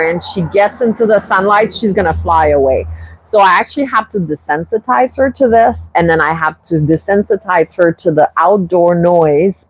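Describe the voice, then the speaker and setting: A Québécoise woman, English being her second language, hosts a casual bird-keeping livestream in a fairly low voice with a French accent. She's unhurried, restarts often, and reads viewer comments, over a rough recording with some hiss or hum.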